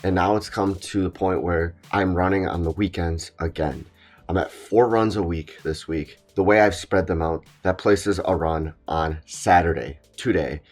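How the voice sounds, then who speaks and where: A young man talking casually to the camera as a fitness vlogger, in a relaxed and plain-spoken way, thinking aloud with small restarts. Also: low voice. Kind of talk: casual vlog talk to camera.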